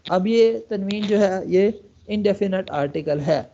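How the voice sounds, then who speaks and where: High-voiced man teaching over a call. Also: creaky, warm tone, highs cut off, a little hiss or hum. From Pakistan. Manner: explains step by step, reads English lines aloud slowly, keeps checking with "okay?". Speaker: Arabic and Quran teacher. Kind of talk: online language lesson. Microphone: online call.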